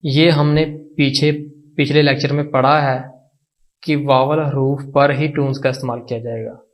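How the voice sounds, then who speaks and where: A man's voice: medium pitch, little pitch movement. A man with a Pakistani Urdu accent teaching an online language lesson, patient and repeating each word for practice. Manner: slow, patient, repeats words for drill.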